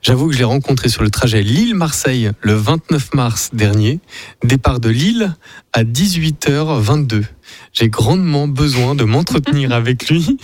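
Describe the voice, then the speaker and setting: A man's voice: mid-range voice, lively intonation, normal speed, darkish tone, dry recording. A male radio host leads a loose on-air chat. He is playful and laughs often, and he uses plenty of fillers.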